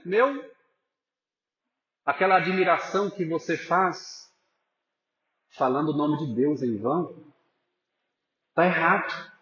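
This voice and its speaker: A man with a high voice preaches slowly and earnestly to his congregation. His sound carries the echo of a church and has a dull, lo-fi quality. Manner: earnest, pastoral, addresses listeners as brothers, drops to a soft voice for emphasis. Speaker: pastor. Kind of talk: sermon.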